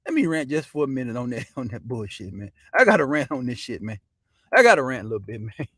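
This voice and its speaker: Profane fast-ranting male sports host. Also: medium pitch, very animated, a bit bright, husky, dry recording, studio quality. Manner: loose, profane, says "man" constantly. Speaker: sports talk show host. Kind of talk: casual sports rant.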